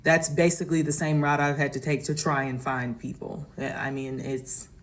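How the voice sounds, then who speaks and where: A woman's voice: sits low, little pitch movement, normal speed. An American woman telling a casual social media storytime in an explanatory, matter-of-fact way. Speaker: salon client.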